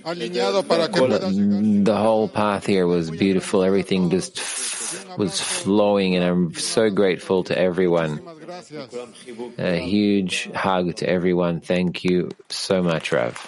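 A man interpreting live into English, halting at times, with restarts and fillers. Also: sits low, crowd noise, rough recording. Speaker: simultaneous interpreter.

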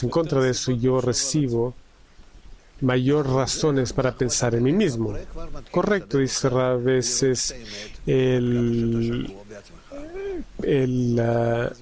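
A man interpreting a spiritual lesson live. He relays it in halting phrases, with frequent restarts and repeated words. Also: medium pitch, a little mellow. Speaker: simultaneous interpreter.

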